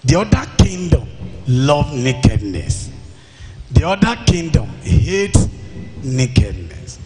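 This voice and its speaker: A man's voice: on the high side, big pitch swings, slow pace, darkish tone, faint music behind. A man with a Nigerian accent preaching an emphatic sermon in short, repeated phrases on a handheld microphone in a large church hall. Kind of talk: impassioned sermon in Pidgin-inflected English. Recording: noisy large-hall PA recording.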